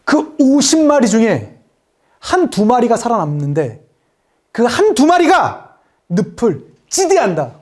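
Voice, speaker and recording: A woman acting out a young male company commander giving a stern, slow rallying speech to his troops. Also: fairly high pitch, huge pitch swings, a little mellow, exaggerated voice.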